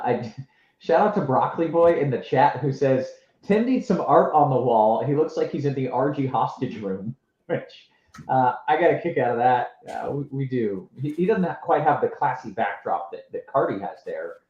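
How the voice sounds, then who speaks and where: A man's voice: medium pitch, expressive, moderate pace, darkish tone. A man hosting a casual live sports stream, sounding muffled and underwater through his headset mic, laughing easily and joking around. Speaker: show host. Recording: muffled echoey headset line.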